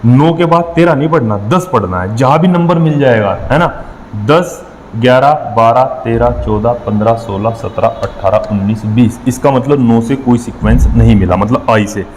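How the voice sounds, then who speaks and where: A man's voice: medium pitch, moderate pace, a little mellow, in a large hall, a little hiss or hum, poor audio. Man teaching exam maths, counting aloud. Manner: explains step by step, counting aloud with frequent checks. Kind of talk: exam-prep lesson.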